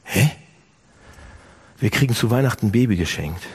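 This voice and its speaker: A man preaching a sermon, speaking directly to his listeners with lively emphasis. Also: fairly low pitch, normal speed, slightly rough. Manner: animated, addresses listeners directly.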